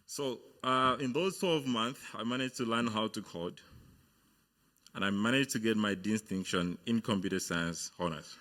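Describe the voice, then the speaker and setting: This young man from Uganda has a lowish, slightly bright voice and talks at a normal speed. As a guest speaker and business founder, he delivers a motivational speech about his studies on a university stage, hesitating often with fillers and false starts.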